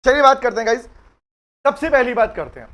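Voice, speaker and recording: A man's voice: extremely high pitch, expressive, quick pace, fairly bright tone. A man teaching company law in a live online class, chatty and teasing with his students.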